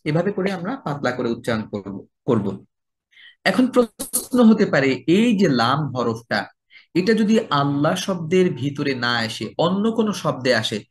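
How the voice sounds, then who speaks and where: A man teaching a religious recitation lesson, explaining step by step and slowly drawing out each example word. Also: fairly high pitch. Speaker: tajweed teacher.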